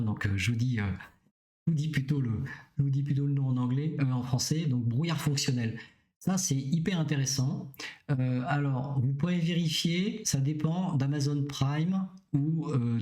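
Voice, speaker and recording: A man hosting a live stream, explaining in a casual, rambling way with many pauses and fillers. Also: medium pitch, a little mellow. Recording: echoey room.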